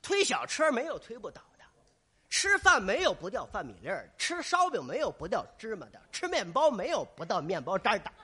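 A man's voice: high voice, a little fast, breathy edge. A man telling a comic stage story as lead of a double act, acting out voices and drum beats. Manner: lively, mimics voices and drum sounds. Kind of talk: crosstalk comedy storytelling.

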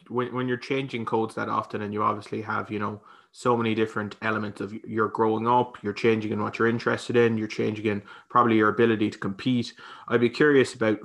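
An Irish man hosts a casual podcast interview. His voice is on the low side, with a forceful, bright tone and plenty of creak.

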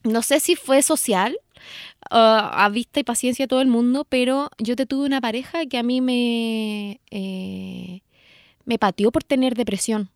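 A woman's voice: fairly high pitch, unhurried, no echo, studio quality. A woman with a Chilean accent, co-hosting a podcast in casual chat, chiming in with wry comments and crude slang. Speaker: podcast co-host.

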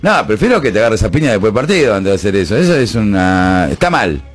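A man's voice: lowish voice, very animated, fast, soft background music. A man with a Rioplatense accent hosting late-night radio, opinionated and emphatic, repeating his points. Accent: Rioplatense Spanish. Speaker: radio host. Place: radio studio.

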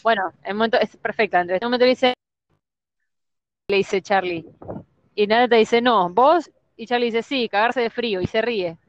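A woman's voice: on the high side, moderate pace. A woman with a Rioplatense accent, chatting casually as a podcast co-host and retelling stories with acted-out quotes and slang. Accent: Rioplatense Spanish. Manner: animated storyteller, acts out quotes, slangy. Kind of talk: casual chat. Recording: dull lo-fi sound.

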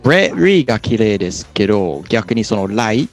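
A man runs a relaxed pronunciation lesson, modelling words slowly and cheering each attempt. His voice swings widely in pitch as he encourages, and soft music plays faintly underneath. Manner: lively, encouraging, laughs often. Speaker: English pronunciation teacher.

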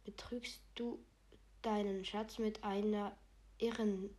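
A woman's voice: medium pitch, level tone, takes it slowly, a little mellow, natural voice. A woman voicing a mocking teenage boy bully who taunts in a sneering way. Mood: taunting.

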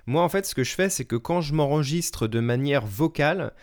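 A man's voice: on the high side, animated, normal speed, a little mellow. A French man hosting a language-learning podcast, talking listeners through practice advice in a friendly, explanatory way with frequent fillers and self-corrections. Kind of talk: solo podcast advice talk. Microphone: podcast microphone.

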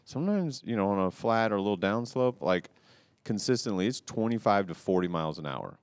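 A man on a casual talk show, telling a rambling story with restarts and loud quoted outbursts. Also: lowish voice, fairly quick, clean tone, no room sound. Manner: animated, rambling, restarts, quotes people loudly. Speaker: podcast co-host telling a cycling story.

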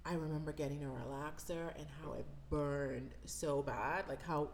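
A woman's voice: sits low, fairly even intonation, moderate pace. A woman in her thirties from the Bahamas, hosting a podcast and telling personal stories in a reflective, conversational way. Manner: reflective, conversational, with fillers and laughs. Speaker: podcast host. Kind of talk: personal storytelling monologue.

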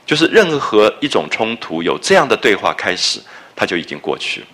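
A man explains a classic novel in a relaxed lecture. His tone is bright and ringing, and his pitch swings widely as he talks. He circles back over his own phrases and keeps asking his listeners rhetorical questions. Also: a little fast. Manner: conversational, repeats phrases, asks the audience rhetorical questions.

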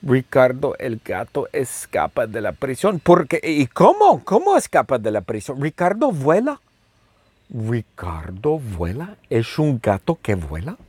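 A man telling a simple story slowly and playfully, repeating phrases and asking the listener questions. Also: medium pitch, wildly swooping pitch, a little mellow, breathy edge, no echo. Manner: playful, with sound effects. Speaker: storyteller for language learners. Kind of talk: slow, simple storytelling with lots of repetition.

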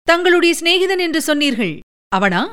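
A woman's voice: very high-pitched, sing-song, moderate pace, a bit bright, pitched above the performer's own voice, heavily acted. A woman reading a Tamil story, voicing a scheming young queen with teasing, sly questions.

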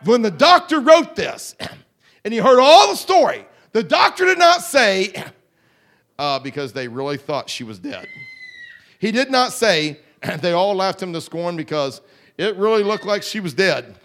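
A man preaching a fervent holiness sermon, rhythmic and drawling, often clearing his throat. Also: high voice, very animated, measured pace, a bit bright. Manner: fervent, rhythmic, drawling with repeated call-outs.

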